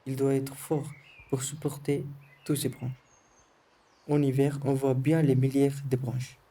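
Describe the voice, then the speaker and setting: A teenage boy from Sri Lanka reading a scripted voice-over in calm, careful short phrases as the student narrator of a school film. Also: mid-range voice, measured pace, slight background noise. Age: teens.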